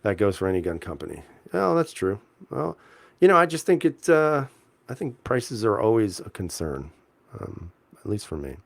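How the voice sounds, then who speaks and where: Laid-back low-voiced man reading chat. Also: sing-song, normal speed, creaky, no room sound. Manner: laid-back, chuckling, lots of fillers and restarts. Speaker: livestream host reading chat. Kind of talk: casual live-chat talk.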